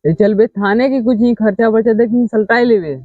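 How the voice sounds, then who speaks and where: A man with an Awadhi accent playing a policeman in a rustic comedy sketch, giving gruff, bossy orders. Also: sits high, fairly even intonation, fairly quick, no room sound, phone-quality sound. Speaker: comic actor playing a policeman.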